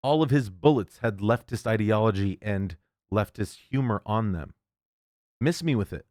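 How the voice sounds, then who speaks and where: A man's voice: fairly low pitch, expressive, moderate pace, a little mellow, dry recording, clean studio sound. A man reading an article aloud and breaking off into heated, indignant commentary, often stumbling and restarting. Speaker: political commentator.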